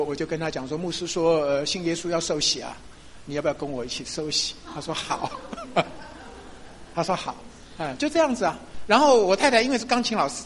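一位中年男牧师在讲道中分享自己的见证，语气随意，常常笑，口头语很多。. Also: male voice, sits high, a bit bright, slight background noise. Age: middle-aged. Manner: chatty, laughs often, frequent fillers. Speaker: pastor. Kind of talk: sermon testimony.

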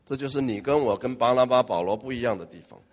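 A man's voice: mid-range voice, fast talker, a little hiss or hum. Joking male pastor in a reverberant hall. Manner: lively, joking, asks the congregation questions. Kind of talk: preaching a sermon. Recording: long church-hall reverb.

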